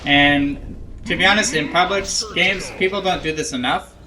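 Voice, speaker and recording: A young gameplay analyst with a voice on the high side talks at normal speed over his own match footage. His commentary is casual and self-critical, rambling with lots of ums and likes, and he sounds drowsy and yawns.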